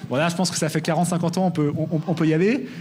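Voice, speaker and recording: A young man giving a lively conference talk, often checking in with "d'accord?". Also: on the high side, very fast. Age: young adult. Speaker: conference speaker.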